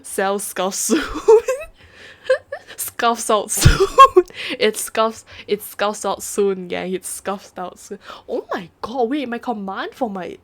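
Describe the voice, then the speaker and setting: A young adult woman from Singapore streams live as a VTuber through a home streaming microphone, rambling, giggling, and poking fun at herself. She sounds sniffly from a runny nose. Her medium-pitched voice is slow and fairly bright, with big swings in pitch.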